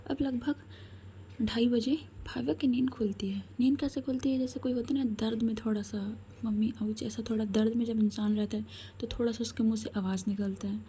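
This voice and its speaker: Soft-spoken woman telling a story. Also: mid-range voice, a little hiss or hum. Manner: chatty, addresses listeners, soft-spoken. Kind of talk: casual story narration.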